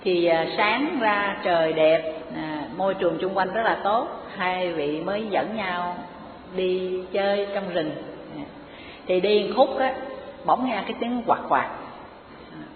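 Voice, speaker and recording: A woman giving a Buddhist dharma talk, telling a story in an animated, humorous way and addressing the audience directly. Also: on the low side, a little slow, a little hiss or hum. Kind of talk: sermon with storytelling. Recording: echoey hall over a tinny phone-like line with an audience. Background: audience laughter.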